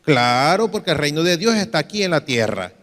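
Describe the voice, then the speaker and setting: A man's voice: fairly high pitch, sing-song, a little fast, fairly bright tone, big-room sound. A man preaching a sermon as pastor, with repeated call-and-response affirmations. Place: church hall.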